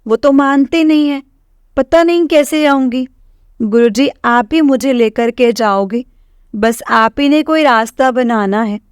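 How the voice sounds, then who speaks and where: A woman's voice: sits high, unhurried, clear, resonant tone, dry recording, studio quality. A woman from Punjab with a Punjabi accent, earnestly and emotionally sharing her devotional testimony with the congregation, repeating her phrases. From Punjab, India.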